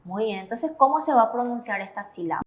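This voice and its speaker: A woman's voice: a little high, expressive, quick pace, echoey room. A woman with a Paraguayan Spanish accent co-hosting a language lesson, prompting the teacher with questions and approving answers. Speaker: Spanish-speaking co-host of a Korean lesson. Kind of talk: classroom-style explanation on a TV lesson.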